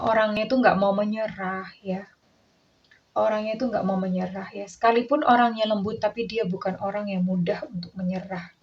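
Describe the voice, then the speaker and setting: A woman giving a casual, chatty tarot reading, slipping English phrases into her talk and acting out quoted lines. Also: medium pitch. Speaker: tarot reader. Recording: distant, dull lo-fi mic with faint noise.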